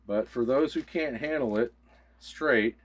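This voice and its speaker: Speaking at a medium pitch and measured pace, this husky-voiced man co-hosts a casual prepping video. He walks through the supplies one step at a time in a relaxed manner.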